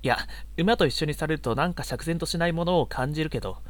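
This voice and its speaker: A man playing a gentle, easily exasperated young male unicorn in an audio drama role-play, with a polite, boyish, flustered manner. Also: a little high, fast talker, lightly acted. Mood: puzzled, hesitant.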